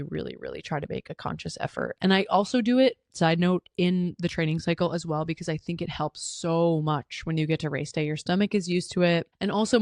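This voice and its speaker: Answering listener questions on her solo podcast, a young host chats casually and rambles, often restarting and using lots of fillers. Her voice is low, and the recording has no room sound.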